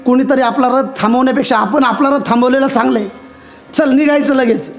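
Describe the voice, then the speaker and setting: Wise, calm god voiced by a high-voiced male storyteller, gently chiding, with music behind. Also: brisk. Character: Lord Krishna, a calm, wise divine charioteer. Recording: live with instrumental music behind.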